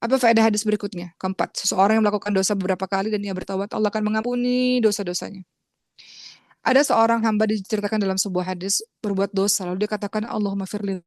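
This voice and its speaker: Fast-talking woman preaching earnestly. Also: fairly even intonation, a little mellow, no echo, studio quality. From Indonesia. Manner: earnest, acts out pleading prayers with rising pitch; addresses listeners as friends, refers to herself as Uma. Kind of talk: religious lecture.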